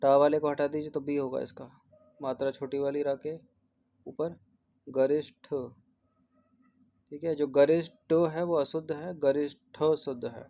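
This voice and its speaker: Mellow-voiced man explaining spellings. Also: fairly high pitch, fairly even intonation, moderate pace, vocal fry, dull audio. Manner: repeats each word several times, explaining spellings; mixes English numbers and terms into Hindi. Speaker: teacher. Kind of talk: exam test-series answer walkthrough.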